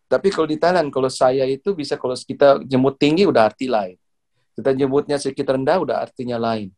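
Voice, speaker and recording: A middle-aged man from Indonesia, a badminton coach, telling stories in a relaxed interview, laughing often and repeating words as he searches for them. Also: medium pitch, quick pace. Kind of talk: casual interview storytelling.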